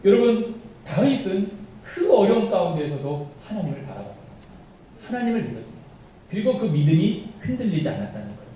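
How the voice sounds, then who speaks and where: A man's voice: high-pitched, big pitch swings, a little fast, warm tone. A man preaching a sermon as pastor, emphatic, asking the congregation rhetorical questions. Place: church sanctuary. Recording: very echoey church from far off, faint noise.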